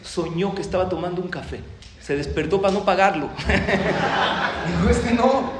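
A man, a rabbi, tells jokes to a live audience in a big, very echoey hall with a steady hiss of noise behind him. His voice sits a little high, and he slips into acted voices for his characters. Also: measured pace. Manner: animated joke-telling with acted voices. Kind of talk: humorous talk to an audience.

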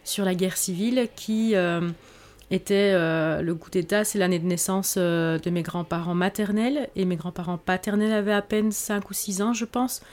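A woman author, speaking in a podcast interview in a reflective way and often pausing on fillers. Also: mid-range voice, fairly even intonation, a little mellow. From Belgium. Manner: reflective, hesitant with frequent fillers. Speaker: author guest.

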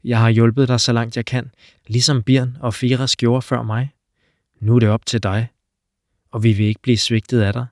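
A man's voice: mid-range voice, level tone, darkish tone, dry recording, clean studio sound, natural voice. A man voicing Lysanne, an earnest caring young woman. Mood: tender, resolute.

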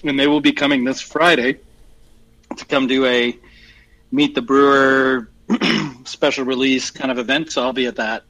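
A man's voice: medium pitch, level tone, a bit bright. A man chatting casually as a podcast co-host, his voice sounding like a phone call over a poor connection, rambling and correcting himself as he goes. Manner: rambling, halting, self-correcting. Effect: sounds like a phone call over a weak internet connection. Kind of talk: casual chat.

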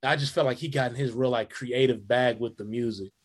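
Speaking brisk and slightly rough in a mid-range voice, a young male guest musician rambles through a casual interview chat over video call. His talk is loose and heavy with fillers.

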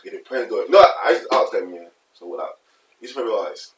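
Young london guy, talks quick, slangy banter w the boys, bit far from mic n noisy. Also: on the low side, expressive. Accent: London, multicultural slang. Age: young adult. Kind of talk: casual group banter. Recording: echoey room, off-mic, noisy.

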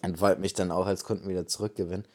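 A man's voice: low-pitched, level tone, very fast, darkish tone. A man co-hosting a podcast, chatting loosely and ranting with many fillers. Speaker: podcast co-host. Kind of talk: casual chat.

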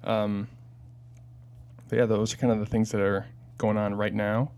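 A man's voice: lowish voice, flat delivery, normal speed, a little mellow. A man hosting a parish podcast in casual chat, often hesitant with fillers and restarts. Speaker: podcast host.

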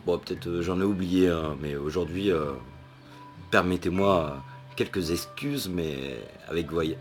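A very deep-voiced man hosts the chat, teasing his guest and wandering off into playful asides. Music plays in the background of the recording. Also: normal speed. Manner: joking, playful, rambling. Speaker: host. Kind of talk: interview conversation.

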